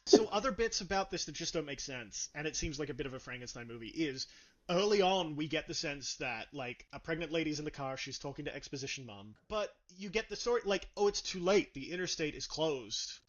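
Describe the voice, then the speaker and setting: A man reviewing a film in casual chat, ranting with sarcastic, animated delivery. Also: a little high, fairly quick, highs cut off.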